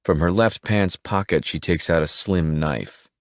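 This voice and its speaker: A man narrating a thriller audiobook in a steady, measured way. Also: low voice, no room sound, studio quality.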